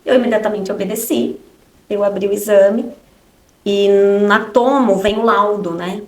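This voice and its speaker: A woman's voice: medium pitch, fairly even intonation, normal speed. A woman, in a mid-range voice, gives a personal testimony as a podcast guest. She speaks in short, broken phrases and keeps adding little tag questions. The room around her rings with a noticeable echo. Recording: roomy echo.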